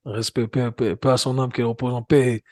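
A man hosting a podcast in relaxed, friendly chat, often repeating words and calling his guest "my guy". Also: medium pitch, a little fast, no room sound, clean studio sound. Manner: friendly, repeats words, says "mon gars". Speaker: podcast host. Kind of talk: casual interview chat.

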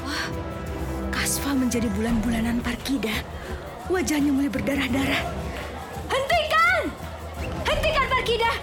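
An actress playing a proud, dutiful and defiant wife in a radio drama. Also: female voice, high voice, steady tone, normal speed, long pauses, loud music behind the voice, a loud crowd, lightly acted. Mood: defiant, indignant.

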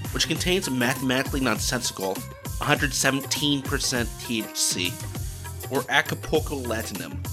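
A man's voice: mid-range voice, natural voice. A man voicing a disembodied brain in a jar who hosts eerie audio tales, a theatrical, sly showman. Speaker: host. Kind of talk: scripted podcast narration. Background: music.

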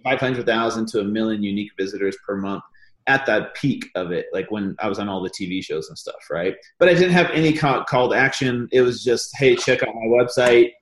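This reverberant clip features a man with a low-leaning voice speaking briskly. He's being interviewed casually as a podcast guest, relating his story in a laid-back style with plenty of fillers.

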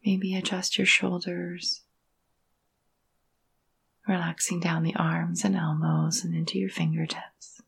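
Long pauses separate the quiet, calming phrases of this yoga nidra meditation guide. Her fairly low-pitched voice is soft and breathy with a gravelly creak at its edges, and her intonation remains gentle and quite even.

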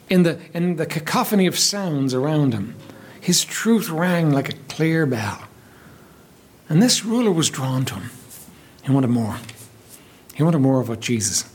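A man's voice: high-pitched, husky. A man preaching a sermon in an earnest way, often repeating and restarting his words.

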